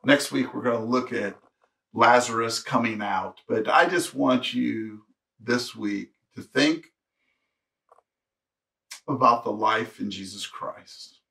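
A man's voice: medium pitch, slow pace, creaky, pauses often, sharp tone, far from the mic. Earnest male pastor preaching from afar. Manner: earnest preaching, reads scripture aloud, rises to emphatic peaks. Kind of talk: sermon.

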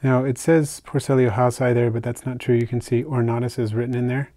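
Older man, mid pitch, easygoing chatty vlog narration with fillers, dry close tabletop recording. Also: brisk, dry recording. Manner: relaxed, chatty, with fillers and soft asides. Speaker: isopod keeper unboxing purchases. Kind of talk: casual hobby vlog narration. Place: indoors at a table, hands on camera.

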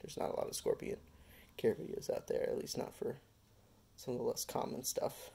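Man, casual vlog host, gravelly, dark mellow tone, relaxed rambling delivery, lots of fillers. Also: mid-range voice, moderate pace. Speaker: pet-keeping channel host. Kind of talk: casual pet care vlog.

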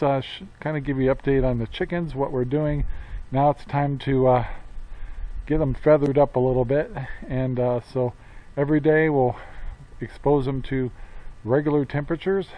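A man's voice: mid-range voice, fairly even intonation, normal speed, muffled recording. A man in his sixties chatting casually as a homestead vlogger outdoors by a barn, rambling with lots of fillers and restarts. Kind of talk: casual chat to camera. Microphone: action camera at arm's length.

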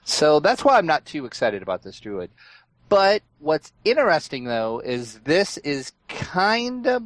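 A man co-hosting a casual gaming podcast, calmly explaining new features step by step. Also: a little high, a little slow, dry recording, poor audio. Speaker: podcast co-host.

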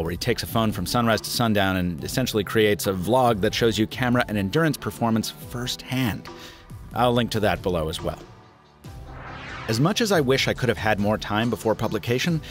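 Male tech reviewer from the US, 30s, animated scripted read, light music bed. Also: fairly quick. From United States. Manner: lively, emphatic delivery with wide pitch swings. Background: faint music.

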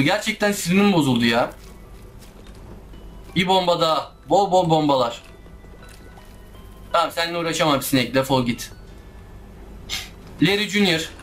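A man's voice: fairly high pitch, a bit bright, slight background noise. A man giving casual let's-play commentary, frustrated, swearing often and talking back to the game. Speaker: gaming YouTuber. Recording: faint music behind the voice. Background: faint game music.

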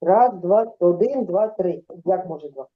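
A woman quietly prompting a child with short questions during a lesson. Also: lowish voice, expressive, measured pace. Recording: tinny phone-like audio with faint noise.

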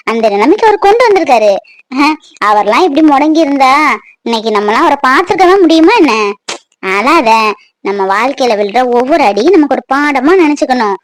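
High-voiced woman reassuring in a drama. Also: dry recording. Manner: earnest and reassuring, talks at length. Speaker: wife in a family drama. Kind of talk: emotional drama acting.

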